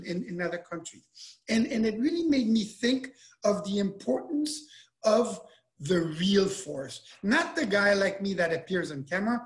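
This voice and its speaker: A Swiss-born winemaker in his forties talks casually into a close webcam from a room at home. He is animated and gestures with his hands as he talks. He often stumbles and repeats words before he finds the next thought. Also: sits high. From Switzerland. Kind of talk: casual talk over video call. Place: indoor room with wine bottles and shelves. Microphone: webcam at close range.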